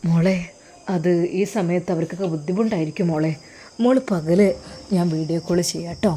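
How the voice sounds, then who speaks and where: A woman voicing a gentle, grieving father who speaks softly to comfort his daughter. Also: fairly low pitch, brisk, a little hiss or hum, voice pushed down, natural voice. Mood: soothing. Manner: soft, soothing, hushed. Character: gentle, grieving young father, soft-spoken.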